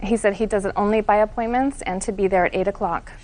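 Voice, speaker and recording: A woman's voice: medium pitch, fairly even intonation, fast talker, a little mellow. A woman testifying as plaintiff in court, telling her side in an earnest, detailed, somewhat defensive way.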